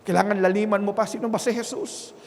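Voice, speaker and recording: A man with a Filipino accent preaching a bilingual Sunday sermon on a handheld mic, asking "Amen?" after nearly every phrase and moving from quiet earnest talk to loud, emphatic preaching. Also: high-pitched, steady tone, fast. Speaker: pastor. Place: church sanctuary. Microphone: handheld microphone. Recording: long hall reverb in a church.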